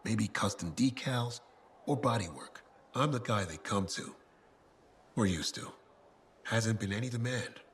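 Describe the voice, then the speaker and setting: In this game dialogue, a craftsman merchant who brags about his custom weapon decals is played by an actor with a fairly low, somewhat bright, animated voice. He delivers showy sales patter at a measured pace with frequent pauses, and there's a little hiss or hum.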